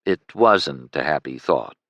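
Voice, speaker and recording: A man reads a fantasy novel aloud in a very low voice that swings widely in pitch. His storytelling is expressive, and the recording is close and dry. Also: slow, dry recording, highs cut off. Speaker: audiobook narrator. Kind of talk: scripted fantasy narration.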